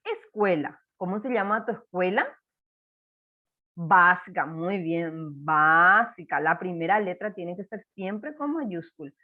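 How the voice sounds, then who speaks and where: A woman teaching a first-grade class, slow and encouraging, spelling words out for young children. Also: fairly low pitch, animated, narrow, tinny audio. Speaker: primary school teacher.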